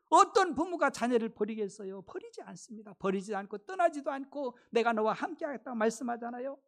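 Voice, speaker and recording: Pastor delivering a church sermon; emphatic, repeats key phrases, swings loud to soft. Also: medium pitch.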